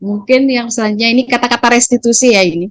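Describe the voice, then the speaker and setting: A woman's voice: a little high, quick pace, no room sound. A middle-aged woman teacher, explaining training material to colleagues and acting out teacher and student lines. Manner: acts out teacher and student lines with shifting intonation.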